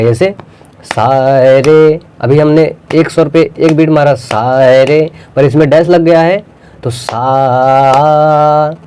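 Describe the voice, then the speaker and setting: A man's voice: mid-range voice, mellow. A man teaching Indian music notation, explaining step by step and singing the notes to show the beats. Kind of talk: music theory lesson with sung notes.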